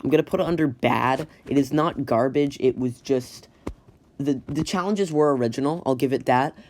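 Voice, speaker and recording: A man giving casual, halting tier list commentary as host, often rephrasing himself, on a cheap built-in phone microphone. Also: medium pitch, darkish tone. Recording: rough amateur phone microphone with automatic audio.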